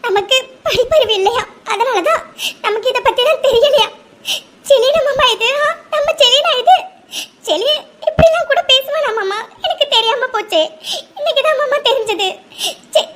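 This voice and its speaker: A woman's voice: fairly bright tone, slight background noise. A woman voicing a heartbroken, devoted young woman who talks through sobs in a pleading way. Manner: sobbing, pleading, high and thin. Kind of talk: cartoon voice acting.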